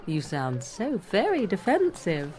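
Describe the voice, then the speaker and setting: A woman's voice: mid-range voice, wildly swooping pitch, unhurried, darkish tone. An actress playing an aloof, sardonic young witch and shapechanger, speaking in haughty, formal, archaic phrasing in video game dialogue. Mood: probing.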